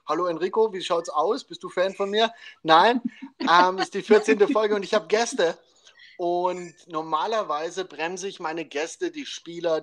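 A man hosts his football talk show in an upbeat, slangy way, tossing in English phrases. His voice sits fairly high for a man. He talks casually and keeps the energy up. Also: fairly bright tone. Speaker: podcast host. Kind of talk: casual chat.

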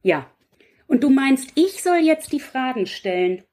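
A guest author and quiz writer chats casually, sounding chatty and self-deprecating. Her high voice is very animated yet measured in pace, with a slightly mellow quality.

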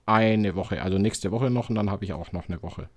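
Man, German accent, podcast co-host, low voice, dry close sound, laid-back casual chat. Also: normal speed, no room sound.

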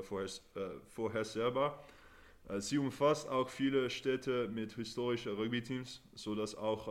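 Hesitant low-voiced man from the Netherlands. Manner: careful, hesitant, frequent fillers. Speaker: podcast guest, rugby player. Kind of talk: interview answers.

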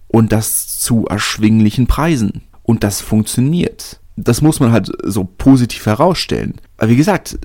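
A man with a slightly low voice hosts a podcast in easygoing spoken commentary. He thinks aloud, circling back and restarting phrases as he goes. The sound is dry and close, with no room echo. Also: a little mellow. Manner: chatty, thinks aloud, often restarts sentences. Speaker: podcast host.

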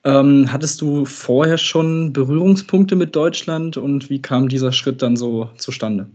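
A man's voice: mid-range voice, measured pace, darkish tone. A man interviewing a guest, asking questions with friendly hesitation and fillers. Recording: slightly muffled recording.

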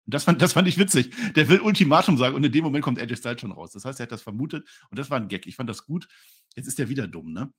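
A man's voice: medium pitch, very fast, slightly rough. A man co-hosting a wrestling review podcast in casual chat, joking and acting out wrestlers' lines. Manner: animated, jokey, acts out wrestlers' lines.

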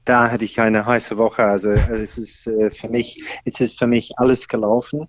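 A hesitant Australian man in his fifties, a golf teacher and senior champion, appears as a guest on a podcast interview, using many fillers and pauses. His low, level voice sounds muffled, though there's no echo.

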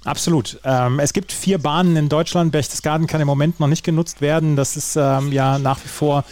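A man hosts a sports podcast, his voice sitting a little higher than most men's. He talks through results fluently, with occasional fillers and restarts. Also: steady tone, fairly quick, darkish tone. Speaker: podcast host.

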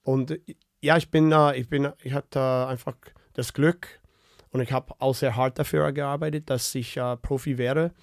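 Canadian man in his fifties, halting German. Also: medium pitch, steady tone, gravelly, no echo, clean studio sound. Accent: Canadian English. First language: English. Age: 50s. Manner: halting, many fillers and restarts. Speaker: podcast guest. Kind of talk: casual interview chat.

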